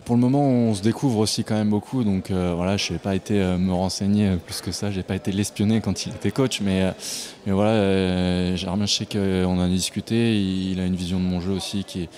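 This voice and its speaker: A man from Paris, a tennis player answering post-match interview questions in a relaxed way, with many hesitations and fillers. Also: deep voice, fairly quick. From Paris, France.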